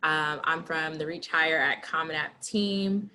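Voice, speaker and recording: A woman from South Central Los Angeles introducing herself on a video call, enthusiastic and warm in tone. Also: low-pitched, fairly even intonation, a little slow, a little hiss or hum. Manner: bright, enthusiastic. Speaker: student engagement manager.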